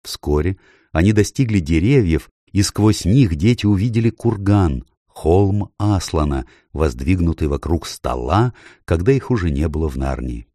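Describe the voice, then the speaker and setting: A man reading an audiobook aloud in a measured, expressive storytelling manner. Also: low voice, no room sound, clean studio sound. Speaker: audiobook narrator. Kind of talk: scripted audiobook narration.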